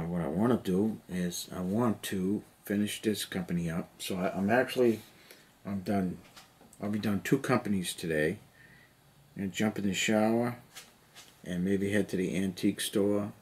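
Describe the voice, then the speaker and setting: In a cluttered basement, a middle-aged hobby vlogger paints miniatures and chats in a rambling way to a camera sitting on the table. His voice is low and darkish, peppered with "you know."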